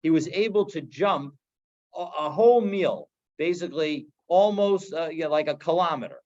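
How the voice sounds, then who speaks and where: Halting man teaching a Talmud page. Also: a little high, darkish tone, muffled recording. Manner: translating Aramaic line by line, casual and halting. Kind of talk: daily Talmud class.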